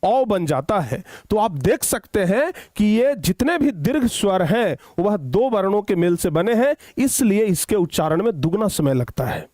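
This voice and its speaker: A man teaching children a grammar lesson, repeating phrases slowly for dictation and often checking whether they have understood. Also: sits high, very animated, a little mellow, no room sound, studio quality. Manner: slow, repetitive dictation, drawing out words; addresses students affectionately, checks understanding often.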